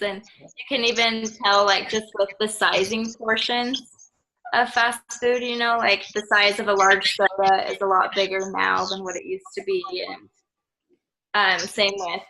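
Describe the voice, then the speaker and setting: A woman's voice: medium pitch, sharp tone, poor audio. A young woman from Idaho, a student chatting casually on a video call, full of fillers. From Idaho, USA. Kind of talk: casual group discussion.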